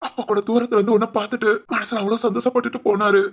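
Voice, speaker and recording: A humble dying father in a homemade doll-film drama, voiced by a woman. His husky voice stops and restarts as he talks. He speaks gently and apologetically, short of breath. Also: a little high, level tone, racing. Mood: gentle remorseful. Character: dying middle-aged father, humble and remorseful.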